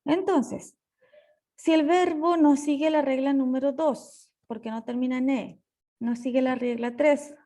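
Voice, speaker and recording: A woman English teacher with a Chilean Spanish accent, patiently explaining grammar rules step by step and slowing down on key points. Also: high-pitched, fairly even intonation, dark tone. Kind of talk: recorded lesson explanation.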